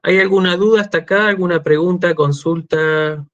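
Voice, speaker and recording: A man giving an online university lecture, slow and deliberate, checking in often with his students. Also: high-pitched, steady tone, fairly bright tone, dull audio. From Argentina. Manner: slow, checks in with frequent "¿sí?" and "este" fillers. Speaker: university lecturer in Greek language and culture.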